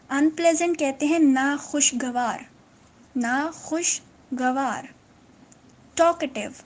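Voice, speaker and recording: Woman w/ doing an english word lesson, high voice, repeats each word nice and slow. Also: a little mellow. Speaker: English teacher. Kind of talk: vocabulary lesson.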